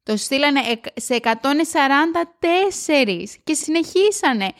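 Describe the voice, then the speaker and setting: A woman hosting a motivational podcast at home, talking loudly and emphatically with excitement. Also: sits high. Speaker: podcast host. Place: at home alone.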